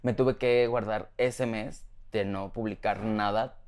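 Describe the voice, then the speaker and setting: A man with a Mexican accent, a podcast guest, chatting casually and telling stories with animated exaggeration. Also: on the low side, slow, clear, resonant tone. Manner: animated storyteller, exaggerating for effect. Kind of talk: casual interview chat.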